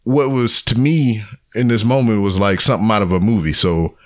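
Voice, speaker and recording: A middle-aged man on a podcast, telling a story in casual chat, profane and animated, acting out what people said. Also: fairly low pitch, normal speed, no echo, studio quality. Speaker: podcast co-host. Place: home podcast studio.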